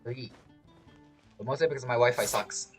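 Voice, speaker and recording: With a rumbling low voice at a moderate pace, a woman livestreams a game and chats casually. English isn't her native language, and her talk is hesitant and rambling, returning to the same points and repeating phrases. Video game music and character voices sound behind her.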